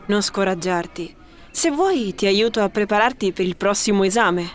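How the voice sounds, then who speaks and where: A woman's voice: mid-range voice, expressive, moderate pace, close to an everyday voice. A woman voicing a supportive young female friend in a scripted lesson dialogue. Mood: encouraging.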